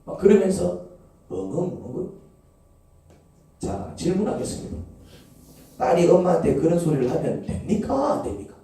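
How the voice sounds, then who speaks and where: A man's voice: high-pitched, very animated, normal speed, creaky, pauses often, dark tone. A male pastor preaching a sermon in a church, peppering the congregation with rhetorical questions. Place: church sanctuary. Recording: echoey church hall, from far off.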